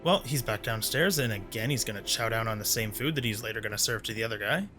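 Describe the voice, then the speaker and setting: A man's voice: on the low side, fast talker. A man giving casual, sarcastic commentary while playing a video game. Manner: sarcastic, chatty. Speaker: gameplay commentator. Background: faint game music.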